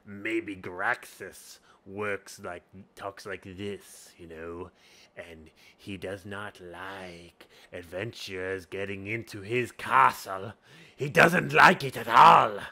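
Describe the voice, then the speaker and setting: A man voicing a proud male villain who hates adventurers entering his castle, with a slow, menacing drawl. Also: on the low side, creaky, pushed and bright, voice pushed down, heavily acted.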